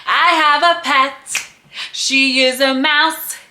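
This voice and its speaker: A woman leading a sing-song lesson as if reading to a toddler, with exaggerated, encouraging delivery and simple phrases with pauses for replies. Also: high voice, fairly even intonation, pushed and bright, a little hiss or hum. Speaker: children's educator host. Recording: roomy echo.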